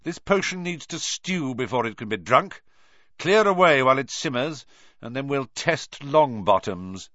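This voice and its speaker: A cold, cutting schoolmaster, as a male narrator puts him on, scathing and forceful. His lively voice lashes out in dry, slightly dull sound. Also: medium pitch, unhurried, no room sound, pitched above the performer's own voice. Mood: cold scorn.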